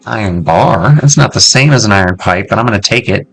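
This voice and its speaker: A low-pitched man narrating his own game run in a loose, chatty way, his voice bouncing up and down a lot as he gets excited. He mutters, exclaims and swears casually, with faint music playing underneath. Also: fairly quick, vocal fry, slightly rough. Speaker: gameplay video host. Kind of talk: casual let's-play commentary.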